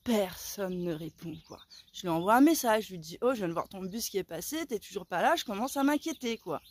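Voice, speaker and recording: A woman in her forties telling a story in a casual vlog, animated and dramatic, with a sore throat that keeps her softer than usual. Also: medium pitch, fairly quick. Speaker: vlogger.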